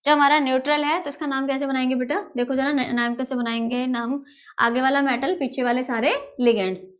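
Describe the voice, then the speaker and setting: A woman's voice: sits high, steady tone, a little fast, highs cut off. A woman explains chemistry step by step at a whiteboard. She addresses her students fondly as "beta", repeats each key term several times, and poses a question before answering it herself. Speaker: chemistry teacher.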